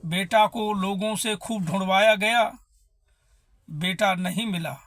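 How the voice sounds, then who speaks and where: A man's voice: high voice, slow, a bit bright, no echo. A man telling a devotional story, emotive and addressing listeners as brothers.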